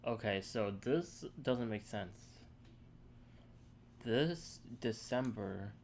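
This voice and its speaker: A young man casually thinking aloud and answering chat on a live coding stream, halting and rambling as he works. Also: on the low side, lively intonation, a little mellow, a little hiss or hum. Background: keyboard typing.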